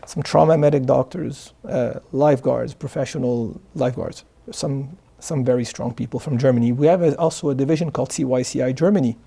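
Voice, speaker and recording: A man's voice: mid-range voice, a little fast, vocal fry, few pauses, warm tone, husky. A man from Morocco, a guest answering interview questions in an earnest way, often repeating words as he starts sentences. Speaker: guest, charity founder. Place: studio.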